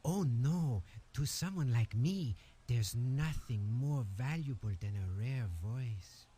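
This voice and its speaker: A fussy male collector of rare voices from an adventure game. He talks slowly and deliberately, with a self-important, measured air. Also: mid-range voice, expressive, mellow, a little hiss or hum. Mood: haughty. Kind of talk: game voice acting.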